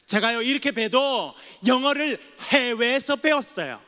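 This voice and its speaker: High, bright-voiced man preaching in a chapel. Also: animated, moderate pace. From Geoje island, South Korea. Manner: playful, jokes with the audience. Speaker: pastor. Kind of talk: sermon with humorous storytelling. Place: seminary chapel. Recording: long chapel reverb.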